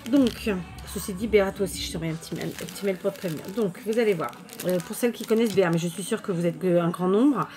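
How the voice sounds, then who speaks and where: Over background music, this woman talks fast at a medium pitch, casually chatting with her viewers while opening crafting mail and showing purchases. Her crafting-channel talk is full of fillers and restarts, and she thanks people warmly.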